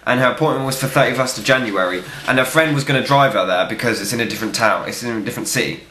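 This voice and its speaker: A young man, a film reviewer, answering viewer questions in a casual vlog, blunt, joking and quick to swear. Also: medium pitch, bright, forceful tone, slight background noise. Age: young adult. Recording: echoey room.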